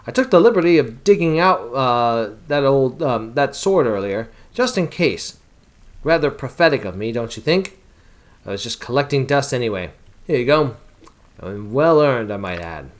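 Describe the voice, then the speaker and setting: A man voicing a proud, gruff older male wizard who calls the hero "boy", reading game dialogue aloud with a slightly lowered voice. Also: animated, normal speed, close to an everyday voice. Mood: pleased.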